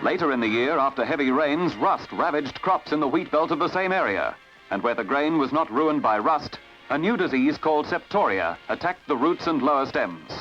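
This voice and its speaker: A man's voice: a little high, big pitch swings, moderate pace. A man with an Australian accent giving formal, dramatic scripted narration for an old newsreel. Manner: formal, dramatic announcer delivery. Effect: old newsreel recording. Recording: dull lo-fi old film soundtrack with music.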